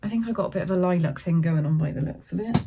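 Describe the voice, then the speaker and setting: A middle-aged woman chatting through a casual yarn haul, filmed on her phone at home and sometimes talking softly so a sleeping baby stays asleep. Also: on the low side, racing, creaky, noisy background. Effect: filmed on a phone camera. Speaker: craft vlogger.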